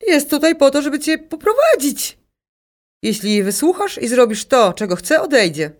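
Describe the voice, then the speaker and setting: A woman voicing a calm, commanding female psychic medium with a Ukrainian accent, speaking slowly and insistently. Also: high voice, voice pushed up. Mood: guiding. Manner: slow, insistent, instructing. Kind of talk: audiobook character reading.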